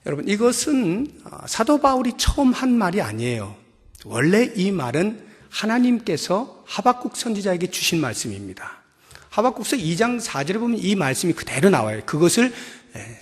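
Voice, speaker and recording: A male pastor preaching a sermon in a church, swinging between loud emphasis and hushed, soft passages. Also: on the high side, slightly rough. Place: church sanctuary. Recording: long church hall reverb.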